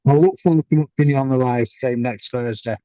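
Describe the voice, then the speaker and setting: A man speaking through a computer mic on a video call, his audio muffled and murky as if at a low sample rate. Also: quick pace, warm tone. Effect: muffled low-quality audio, like a low sample rate. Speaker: remote guest on a podcast. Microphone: computer mic over a video call.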